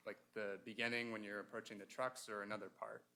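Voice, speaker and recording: A man questioning a witness as a prosecuting attorney in a courtroom, in a formal, procedural and halting way. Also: lowish voice, flat delivery, sharp tone. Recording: noisy courtroom pickup with room ambience.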